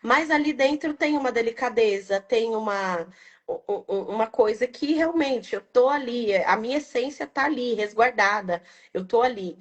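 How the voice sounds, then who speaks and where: A young adult woman, a business owner, talking in a casual, reflective and emotional way, tagging her phrases with quick questions. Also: a little high, expressive, dull audio. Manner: reflective, emotional, frequent "né" tags. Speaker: business owner interviewed about her brand. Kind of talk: casual heartfelt testimonial.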